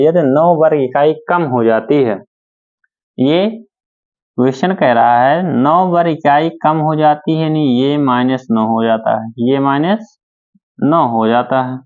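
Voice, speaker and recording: A male math teacher, working through problems step by step and asking questions back to his students. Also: fairly high pitch. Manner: slow, repeats steps and asks questions back to students. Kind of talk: board-work math lesson. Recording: dull lo-fi sound.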